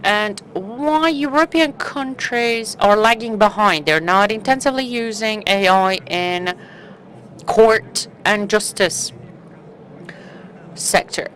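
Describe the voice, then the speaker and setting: Slow, halting woman interpreter. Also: mid-range voice, fairly bright tone, a little hiss or hum. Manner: halting, broken-up phrasing with pauses mid-sentence. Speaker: conference interpreter. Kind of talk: live simultaneous interpreting.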